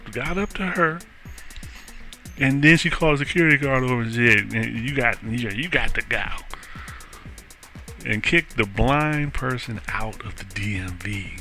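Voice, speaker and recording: A man's voice: medium pitch, gravelly, pushed and bright. A man telling a story in an indignant, profane rant, often laughing at his own account.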